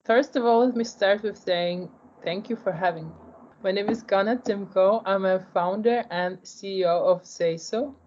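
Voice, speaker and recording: A woman's voice: mid-range voice, normal speed, a little mellow, highs cut off, a little hiss or hum. A woman, a startup founder answering interview questions earnestly, often restarting her sentences. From Ukraine, raised in Poland. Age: 40s. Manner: earnest, with frequent restarts and repeated words.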